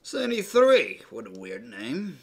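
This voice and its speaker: A man voicing a brash, rowdy male orc in a tavern, speaking loudly, gruffly and crudely. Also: fairly high pitch, wildly swooping pitch, a little slow, voice pushed up, heavily acted. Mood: blunt. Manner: loud, gruff, blunt and crude.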